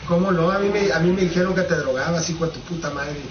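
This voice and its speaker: Young man, high voice, crude teasing banter, echoey dull recording, noisy background. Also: fast talker. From Mexico. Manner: teasing, crude, repeats questions. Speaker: streamer commentating a fighting game match. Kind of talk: rowdy casual banter. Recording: roomy, dull sound with clear background noise.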